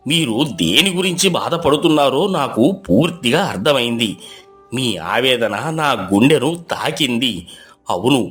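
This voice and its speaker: A man voicing an elderly, hard-of-hearing village headman in a storybook tale, speaking slowly and deliberately in a low voice. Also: fairly bright tone. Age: older. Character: elderly deaf male village headman, slow and worried. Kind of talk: storybook voice acting.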